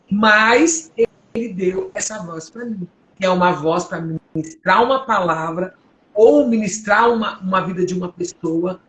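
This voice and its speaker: Deep-voiced woman preaching. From Brazil. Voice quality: deep, strong, powerful voice. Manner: earnest, emotional, exhorting listeners. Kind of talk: testimony and preaching. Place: at home. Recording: echoey room, faint background hum.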